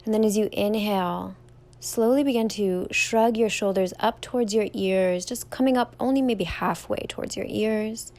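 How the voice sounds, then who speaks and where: With a mid-range voice, a young woman who is a yoga teacher takes listeners through a standing meditation. Slow, gentle and soothing, she lets her words stretch out softly.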